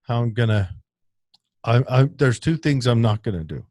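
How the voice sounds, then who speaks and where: A man's voice: medium pitch, expressive, moderate pace, darkish tone, no echo, clean studio sound. A man co-hosting a podcast, making joking asides in casual chat. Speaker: podcast co-host.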